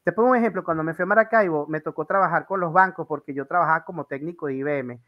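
A man's voice: a little high, racing, highs cut off. A Venezuelan man hosting an interview, chatting casually and telling rambling stories with lots of fillers. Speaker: interview host.

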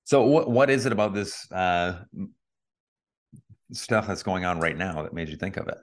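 Podcast co-host, male, 30s, very low voice, easygoing storyteller. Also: moderate pace. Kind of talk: casual chat.

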